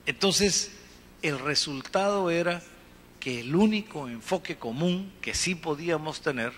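A man's voice: on the high side, animated, fairly bright tone. Earnest Guatemalan man in a reverberant hall. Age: middle-aged. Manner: earnest, measured, gesturing with his free hand. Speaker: panel speaker. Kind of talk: conference panel talk. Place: conference hall stage. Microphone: handheld microphone. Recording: reverberant hall, faint room noise.

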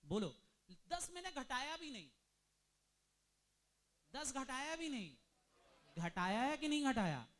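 A man's voice: very high-pitched, sing-song, a bit bright. Male commerce tutor, classroom lecture, quizzes the students nonstop. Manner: drills students with rapid questions; mixes Hindi with English terms. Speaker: commerce teacher.

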